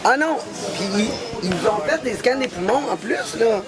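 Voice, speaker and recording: A woman's voice: a little high, animated, moderate pace. A woman with a Québécois accent, telling a story in a casual street interview with lots of exclamations. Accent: Québécois French. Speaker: interviewee, traveler. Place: outdoors in a busy street. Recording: loud crowd noise behind.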